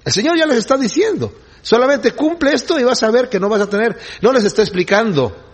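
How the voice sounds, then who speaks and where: Guy preaching, pretty high voice, kinda husky, teaching through scripture. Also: animated, brisk. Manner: explanatory Bible teaching, varied pacing. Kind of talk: sermon.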